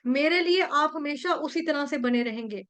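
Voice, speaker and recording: A woman teaching a devotional scripture class, explaining in Hindi mixed with English and chanting Sanskrit verses slowly. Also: high-pitched, a bit bright.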